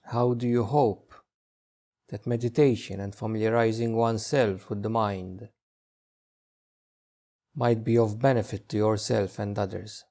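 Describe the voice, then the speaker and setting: Leading a guided meditation, a male teacher speaks on the low side with fairly even intonation. His instructions come gently and unhurriedly, separated by long pauses.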